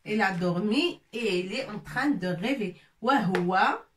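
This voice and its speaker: Slow, patient woman teaching sounds. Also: mid-range voice, lively intonation, fairly bright tone, distant mic. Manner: repeats sounds slowly and drills syllables one by one. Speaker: Arabic teacher. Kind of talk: slow, patient letter-by-letter pronunciation lesson. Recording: echoey room, voice a bit off-mic, faint noise.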